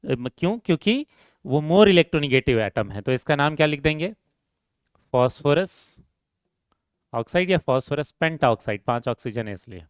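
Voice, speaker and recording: A man lecturing a chemistry class in a smooth, resonant voice set a little high. He keeps asking his students questions and answering them himself, repeating key terms as he goes. The sound is close and dry, with no room echo. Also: big pitch swings, moderate pace. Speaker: chemistry teacher.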